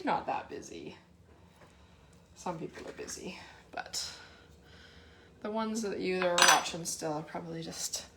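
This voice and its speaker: A woman's voice: a little high, a bit bright, a little hiss or hum. A chatty woman hosting a casual live cooking demo from her home kitchen, talking to viewers and selling cookware. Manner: chatty, bubbly, talks to viewers. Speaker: cooking demo host and sales consultant.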